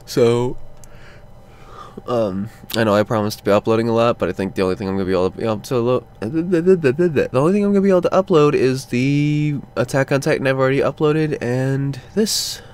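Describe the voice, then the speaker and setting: A man's voice: mid-range voice, normal speed, a little mellow. A man who just woke up, talking drowsily and rambling through a casual vlog update from a cold room at home. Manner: drowsy and rambling, lots of ums and sighs. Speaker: vlogger.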